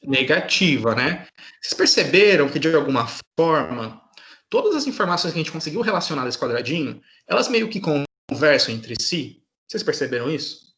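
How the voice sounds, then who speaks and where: A male teacher runs an online class over a video call. His voice sits a little high. He is patient and keeps checking in with his students as he explains. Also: big pitch swings, moderate pace, fairly bright tone, roomy sound. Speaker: English teacher.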